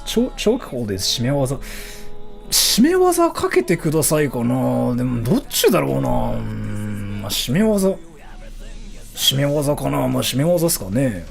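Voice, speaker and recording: A man's voice: mid-range voice, vocal fry. A man from Japan livestreaming, chatting loosely and answering viewer questions, going back and forth between English and Japanese.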